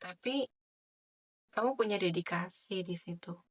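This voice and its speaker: A woman giving a general tarot reading in a soft, chatty way, with many filler tags. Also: lowish voice, unhurried, husky. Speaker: tarot reader.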